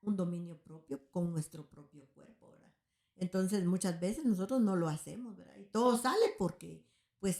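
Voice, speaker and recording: A woman's voice: on the low side, creaky, mellow. Earnest woman preaching in an echoey room. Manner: earnest, keeps asking "right?" of her listeners. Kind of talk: sermon-like teaching. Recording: roomy echo.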